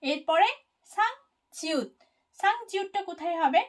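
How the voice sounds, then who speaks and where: High pitched lady teacher doing an online class, says example words slow and careful, some ums. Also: animated. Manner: repeats example words slowly and deliberately. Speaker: language teacher. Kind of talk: explanatory online lesson.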